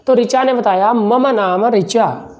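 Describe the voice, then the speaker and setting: A man gives a classroom lesson at a slow, deliberate pace. He breaks phrases into single words and repeats them, posing questions to the class and answering them himself. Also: high-pitched, a little mellow. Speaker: teacher.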